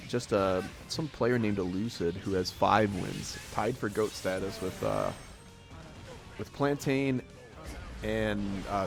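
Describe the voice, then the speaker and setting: A man's voice: fairly low pitch, creaky, a little mellow. A man casually commentating a live fighting-game tournament, rambling and chuckling often.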